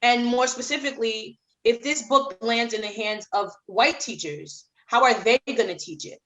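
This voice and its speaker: A woman's voice: fairly high pitch, moderate pace, bright, forceful tone, highs cut off. A middle-aged woman from Haiti, a children's author talking as a guest in a podcast interview, emphatic and repeating phrases for emphasis.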